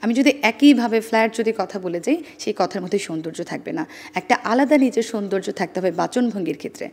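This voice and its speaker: A woman guest in an interview, explaining how to pronounce words, with careful, precise diction and a measured, deliberate delivery. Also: medium pitch, expressive, a little mellow, slightly rough. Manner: careful, precise standard pronunciation, demonstrating sounds. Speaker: interview guest on speech and pronunciation.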